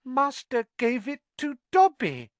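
A shrill, squeaky male house elf, excitable and devoted, pitched far above a normal voice. Storybook narration with a dry, close sound. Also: takes it slowly, no echo, full character voice. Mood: wondering.

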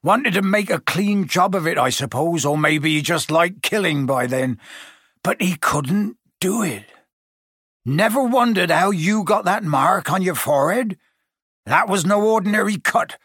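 A man reading aloud and voicing a big, bearded, soft-hearted giant with rough country speech. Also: high-pitched, animated, unhurried, no echo, clean studio sound, pitched above the performer's own voice, full character voice. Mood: sad.

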